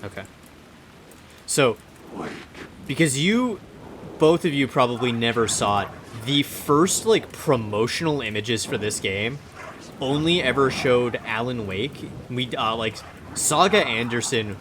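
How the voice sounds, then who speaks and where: A man's voice: medium pitch, animated, measured pace, a bit bright. Man host for a let's play, rambling gameplay chatter, faint hiss behind. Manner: chatty, rambling, mutters to himself while playing. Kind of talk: casual gameplay chat.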